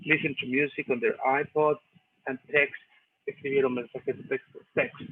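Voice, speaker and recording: A man's voice: medium pitch, fairly even intonation, measured pace, slightly rough, no room sound. A male English teacher with a Chilean accent explains a reading step by step, often checking with "¿sí?" and "¿cierto?". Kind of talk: recorded lesson walking through a reading. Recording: tinny phone-like lo-fi audio.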